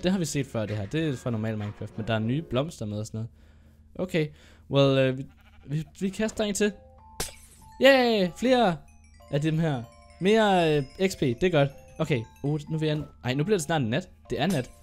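A young man with a sore throat and an occasional cough, giving chatty, excitable gameplay commentary as he narrates his own moves. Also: mid-range voice. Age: young adult. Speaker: gaming YouTuber.

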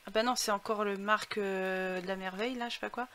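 A young woman giving chatty, excitable commentary while playing a life-simulation game, talking through a headset mic. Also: mid-range voice, a little fast. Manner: chatty, excitable outbursts, thinks aloud. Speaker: gaming YouTuber. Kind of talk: casual let's-play commentary.

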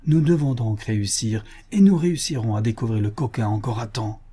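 A man's voice: mid-range voice, a little fast, dark tone, breathy edge, close to an everyday voice. A man doing a fiery frontier scout rallying men. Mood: urgent. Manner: raised, vibrant with emotion and anger. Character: impassioned male frontier scout leader.

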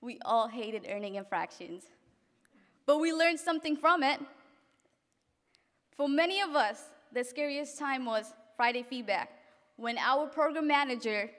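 High-voiced young woman reading a speech. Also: a bit bright. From Africa. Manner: earnest, reading from notes, halting restarts. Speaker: graduate giving a speech. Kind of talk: reading a prepared graduation speech. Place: event hall, indoors. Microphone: podium microphone. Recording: reverberant hall.

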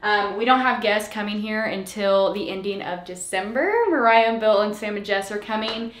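A woman's voice: mid-range voice, steady tone, moderate pace. A woman in her twenties giving a casual, giggly tour of her house to viewers, filmed on a handheld camera at arm's length. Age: 20s. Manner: chatty, giggly, talks to viewers directly. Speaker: vlogger. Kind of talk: casual home-tour vlog. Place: bathroom and rooms of a house, indoors.

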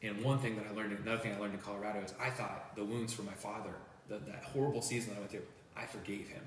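A man's voice: fairly low pitch, steady tone, fast talker, recorded from a distance. A man who is a pastor, talking about his faith in earnest and acting out what people said. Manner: earnest storytelling, quotes people aloud. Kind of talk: casual faith chat. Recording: roomy, echoey, from off the mic.

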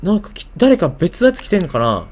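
A man's voice: high-pitched, wildly swooping pitch, fast talker. A man with a Kansai Japanese accent doing casual video game commentary, thinking aloud in short muttered questions.

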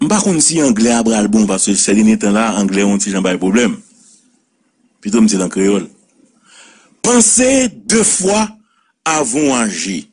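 A man's voice: lowish voice, a little fast, darkish tone, husky. A man with a Haitian accent hosting a commentary show, talking in a sing-song way and repeating words for effect. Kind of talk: animated Creole commentary.

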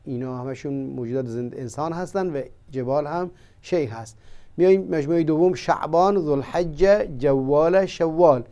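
Man, language teacher, gravelly, warm, halting explanations. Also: a little high, muffled recording. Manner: hesitant, many pauses and fillers. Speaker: Arabic teacher. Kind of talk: explaining vocabulary in a language lesson. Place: studio.

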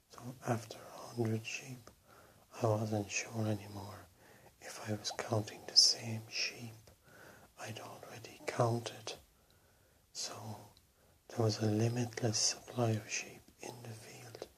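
A middle-aged man murmurs a comic monologue in a half-whisper, as if counting sheep in bed. His delivery is deadpan and monotone, with slow, unhurried pacing. The mic is close to his face in a bedroom. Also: on the low side, low-quality recording. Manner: hushed, deadpan, slow telling of trying to sleep by counting sheep. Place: small bedroom, lying in bed. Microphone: phone or webcam held close to face.

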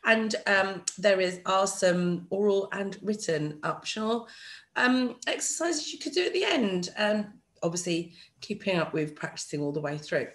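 Lively woman teaching French. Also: medium pitch. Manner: slow, drawn-out French model phrases for repeating; patient, encouraging teacher talk. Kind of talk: online language lesson with screen share.

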